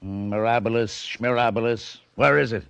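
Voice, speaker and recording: An American man playing a gruff, sardonic police detective in a 1940s radio drama, talking in curt sarcastic lines. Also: mid-range voice, normal speed, fairly bright tone, no room sound, lo-fi sound. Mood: hard, demanding. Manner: curt, sarcastic, clipped tough-cop talk.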